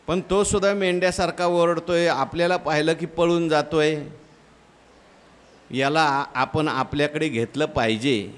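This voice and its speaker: A man's voice: a little high, measured pace, lightly acted. A man voicing a wise male lion who patiently coaxes a lost cub, inside a sermon story. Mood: coaxing. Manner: persuasive, coaxing.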